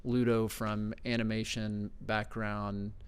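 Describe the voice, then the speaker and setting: A man's voice: on the low side, flat delivery, takes it slowly, clear, resonant tone. A man hosting a podcast interview, loose and joking, with a self-mocking manner. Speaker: podcast host. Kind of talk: casual interview chat.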